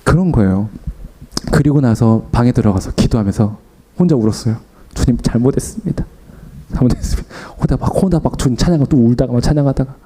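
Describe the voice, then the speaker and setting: Young man preaching a lively sermon, mellow tone. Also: medium pitch, fast. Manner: animated, acts out his own and others' lines. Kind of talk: sermon with personal story.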